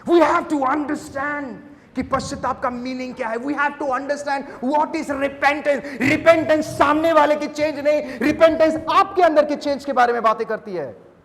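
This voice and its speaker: High-voiced pastor preaching in a hall. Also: male voice, unhurried, gravelly. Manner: animated preaching mixing Hindi and English, acting out voices. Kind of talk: sermon. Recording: reverberant hall.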